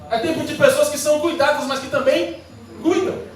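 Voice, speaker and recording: A pastor preaching a sermon in an emphatic, repetitive rhetorical style, in a church sanctuary. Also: male voice, very high voice, fairly even intonation, fairly quick, a crowd in the background. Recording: very echoey church hall from far off, faint noise.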